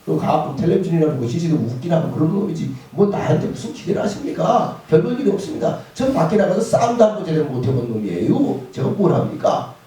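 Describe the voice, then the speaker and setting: A man's voice: on the high side, big pitch swings, fast talker, hardly any pauses, warm tone, slight background noise. A man voicing a timid young male farmer who protests and runs himself down. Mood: self-pitying. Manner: self-deprecating, indignant questioning. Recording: echoey hall from far off.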